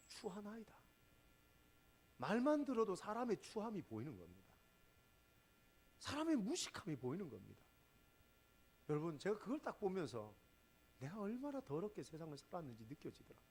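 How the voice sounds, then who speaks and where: A male pastor delivers an emphatic sermon to his congregation. His high voice rises and falls very widely. He peppers the sermon with rhetorical questions and swings from forceful exclamations to low, quiet asides. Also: a little hiss or hum.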